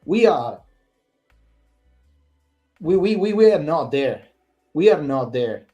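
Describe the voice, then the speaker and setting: A man's voice: a little high, sing-song, slow pace, mellow, faint music behind. Exasperated man ranting. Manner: exasperated, repetitive, swearing. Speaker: fan channel host. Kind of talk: angry post-match reaction rant.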